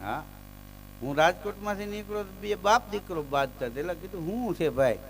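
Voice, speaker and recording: High-voiced man telling folk jokes. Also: lively intonation, brisk, faint music behind. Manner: chants verse loudly, then chats and lands punchlines. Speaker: folk storyteller on stage. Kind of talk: live folk storytelling with recited verse and jokes. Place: live stage event.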